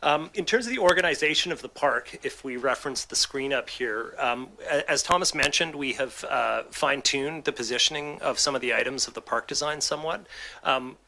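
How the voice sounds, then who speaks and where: A man with a bright, forceful voice walks a council through a building design. He keeps a quick, businesslike pace and leans on fillers between points. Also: medium pitch, rough recording. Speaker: design lead architect presenting. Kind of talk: formal presentation to council.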